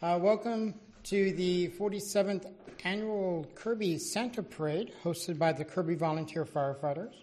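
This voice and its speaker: An official presenting at a public meeting in an everyday, middle-pitched voice. The delivery is informal and matter-of-fact, like a fire chief briefing a council. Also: moderate pace, a little mellow.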